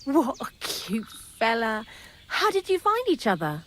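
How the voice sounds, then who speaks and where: A woman's voice: fairly high pitch, huge pitch swings, unhurried, fairly bright tone, slight background noise, full character voice. An actress voicing a talkative, sardonic young female thief in video game dialogue. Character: chatty, wry young female thief hiding out. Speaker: miller's thief accomplice in a game.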